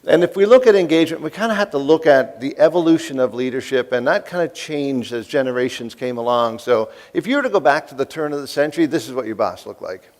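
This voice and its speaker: A man's voice: mid-range voice, lively intonation, quick pace, hardly any pauses. A man in his fifties, from the East Coast, giving a folksy, joking keynote speech and asking the audience questions. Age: 50s. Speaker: keynote speaker.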